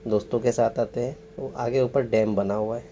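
A man's voice: mid-range voice, steady tone, warm tone, muffled recording. A man giving a casual on-location tour, guiding viewers around a waterfall and pointing things out as he goes. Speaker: travel vlogger. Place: outdoors by a waterfall. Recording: faint noise from rushing water outdoors. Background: rushing water and outdoor ambience.

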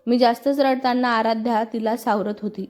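A woman narrating a story calmly in a scripted reading. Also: a little high, normal speed. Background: faint music.

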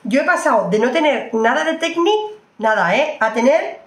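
A woman's voice: sits high, expressive, normal speed, reverberant. A woman doing a casual makeup review, chatty and exclamatory, often repeating her phrases. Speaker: beauty vlogger.

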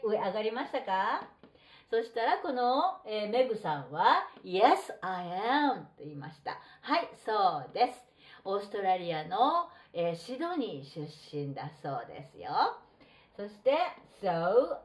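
A woman's voice: medium pitch, sing-song. Middle-aged woman teaching English. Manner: slow, drawn-out model reading of English phrases. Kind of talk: textbook lesson for students. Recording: roomy echo.

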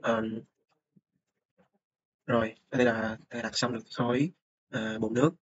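A man's voice: mid-range voice, flat delivery, unhurried. A young man, a student presenting a course report over a screen recording, talking hesitantly with many filler sounds. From Vietnam. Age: young adult. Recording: dull lo-fi mic with faint noise.

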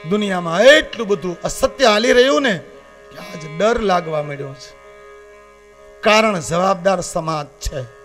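Fifty-something Saurashtra-accented male preacher, very high voice, fiery sermon cadence over soft instrumental music. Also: expressive, moderate pace. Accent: Saurashtra Gujarati. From Gujarat, India. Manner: impassioned, swings between loud warnings and low confiding asides. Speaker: Shiva katha preacher. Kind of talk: devotional katha sermon. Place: open-air katha gathering with live accompaniment.

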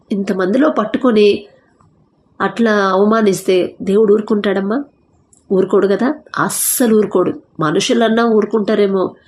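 A woman's voice: medium pitch, a little mellow. Earnest woman telling a faith testimony. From India. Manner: retells dialogue in quoted voices, earnest and conversational. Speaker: testimony speaker.

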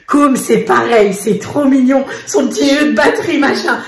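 A woman vlogger and mother in casual chat to a face camera, telling a family story in an animated way with lots of fillers. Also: high-pitched, moderate pace, vocal fry. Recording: echoey room.

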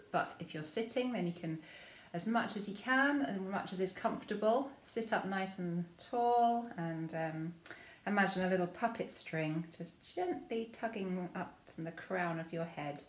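An English woman leading a memory choir through gentle vocal warm-ups, speaking softly and encouragingly with frequent ums. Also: on the low side, moderate pace, reverberant. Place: room at home with rain on the window.

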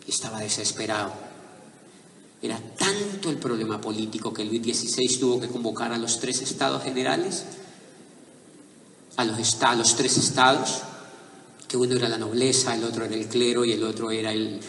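Man, motivational speaker, lively storytelling, roomy distant sound with faint noise behind. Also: medium pitch. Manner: animated storyteller who builds to emphatic, raised-voice points. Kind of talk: storytelling talk to a live audience. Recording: echoey hall, voice picked up from a distance.

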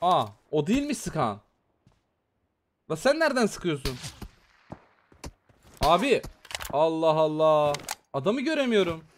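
Calling out his mobile game match live, this male gaming YouTuber talks in quick, excited bursts with a fairly high voice. He keeps chatting straight to his audience as he plays, over a faint background noise.

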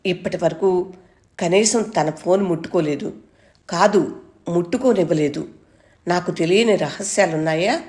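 A woman reads a first-person story aloud at a calm, measured pace. Her voice sits on the lower side for a woman. The delivery is steady and unhurried storytelling.

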